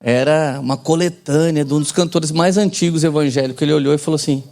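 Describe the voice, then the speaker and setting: A man's voice: a little high, quick pace, warm tone. A man in his forties preaching a sermon as pastor, in a casual joking manner with slang and call-and-response to the congregation.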